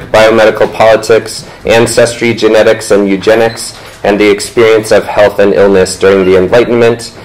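A man in his thirties moderates a talk in an indoor lecture room, reading panelist introductions from notes in a lowish voice. He sometimes stumbles over words and corrects himself, and the audio is poor.

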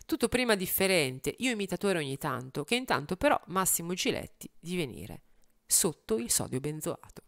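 A woman's voice: lowish voice, big pitch swings, moderate pace, fairly bright tone, dry recording. A woman who sings, thinking aloud in casual chat while she strings words into lyrics, muttering lists of words and trying out phrases with a wry, self-mocking manner. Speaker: singer and video host.

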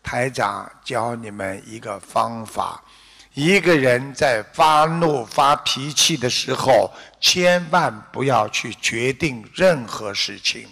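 A man with a Shanghainese-accented Mandarin, giving a deliberate, unhurried Buddhist dharma talk with a parable in a hall. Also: mid-range voice, vocal fry, a bit bright. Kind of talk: slow measured sermon with parable.

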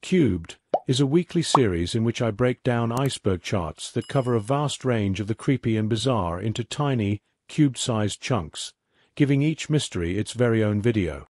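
Male narrator, even documentary read, mid voice, dead-dry booth sound. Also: mid-range voice, moderate pace, no room sound. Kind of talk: scripted narration.

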